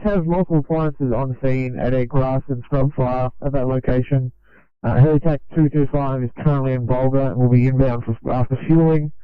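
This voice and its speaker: A man's voice: medium pitch, smooth, no echo, narrow, tinny audio. A man working as an emergency radio operator, politely passing procedural messages over a crackly walkie-talkie. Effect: crackly walkie-talkie radio transmission. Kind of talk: emergency two-way radio communication. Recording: crackly, phone-thin two-way radio.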